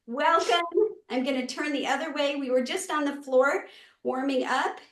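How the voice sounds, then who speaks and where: A woman casually guiding a stretching class in a gentle, encouraging, easygoing way. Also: high voice, moderate pace, slight background noise. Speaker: fitness class host. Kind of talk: casual guided stretching instruction. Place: indoor room, live online exercise session. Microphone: camera microphone at a distance. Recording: echoey room, distant microphone.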